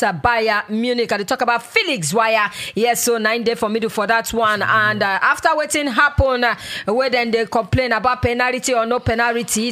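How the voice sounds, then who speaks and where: Nigerian sports presenter, Pidgin speaker, crisp-edged bright delivery for football debate. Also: medium pitch. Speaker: sports show host.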